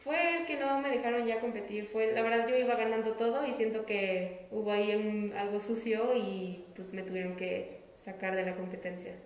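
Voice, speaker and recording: A young woman from Mexico with a Mexican Spanish accent, answering interview questions in a relaxed way and laughing easily. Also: medium pitch, moderate pace, few pauses. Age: young adult. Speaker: interviewee, student. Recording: roomy echo.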